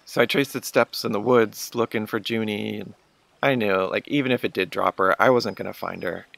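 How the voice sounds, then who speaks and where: A man's voice: lowish voice, steady tone, normal speed, creaky, a bit bright, dry recording. A man narrating a wildlife photo video in casual storytelling, earnest and self-deprecating.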